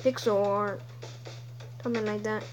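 A woman's voice: mid-range voice, fairly even intonation, normal speed, soft background music, poor audio. A young woman streaming a video game, chatting casually and rambling, stumbling over her words and laughing often. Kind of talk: casual chat over gameplay.

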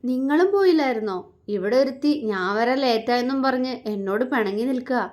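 A woman voicing a caring young man who comforts his beloved in a gentle, soothing way. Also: sits high, animated, fairly quick. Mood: cheerful.

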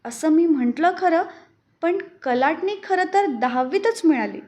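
A woman narrating a first-person devotional story for a podcast, reading in a measured, reverent way. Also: high voice, animated, a little mellow. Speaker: podcast reader.

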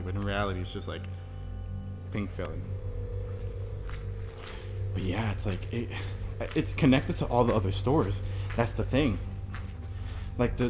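A young man with a lowish voice rambles nervously in hushed tones while walking through an empty concrete basement, a large indoor space, for a casual vlog. He records on a handheld phone camera, with faint music in the background.

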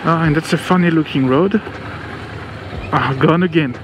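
A man's voice: on the high side, moderate pace, noisy background. A man from France with a French accent, giving casual, enthusiastic and exclamatory vlog commentary out on a motorbike trip. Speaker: motorcycle travel vlogger. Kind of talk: casual vlog commentary while riding, chatting to passers-by. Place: outdoors on a motorbike and at an event ground.

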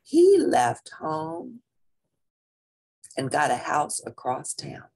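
Reading a picture book for children extremely slowly, a woman lingers over repeated phrases with dramatic expression. Her voice is husky and low-pitched.

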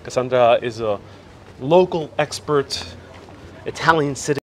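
A man's voice: medium pitch, normal speed, a little mellow. A man with a mixed accent, a native Spanish speaker, hosting a casual livestream outdoors. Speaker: livestream host. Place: outdoors, evening streets and harbor. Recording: noisy outdoor street ambience.

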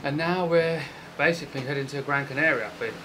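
A man's voice: fairly high pitch, brisk, background noise. Joking man on a boat. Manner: jokey, laughs easily. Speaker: sailing vlogger. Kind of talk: casual chat. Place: outdoors on a sailing catamaran at sea.

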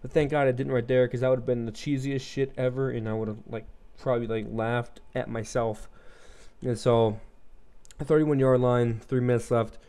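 A man's voice: medium pitch, fairly even intonation, moderate pace, dark tone, clean tone. A young man rambling through casual gameplay commentary, loose and profane, filling gaps with likes and ums, his throat a little froggy. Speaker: gaming commentator.

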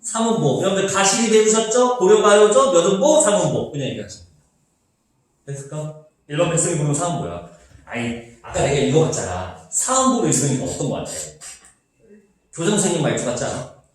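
A young male teacher gives a lively, chatty lecture, often asking a question and answering it himself. His voice sits a little high and swings widely in pitch. The sound is very echoey and comes from some distance from the mic. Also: a little fast. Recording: echoey room, mic far off.

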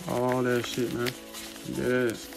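Male vlogger, mid-pitched, profane and rambling, music behind. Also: takes it slowly. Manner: profane, slangy, rambling, gets animated. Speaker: motivational vlogger. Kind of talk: casual rambling monologue. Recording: clear music in the background. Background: music playing in the background.

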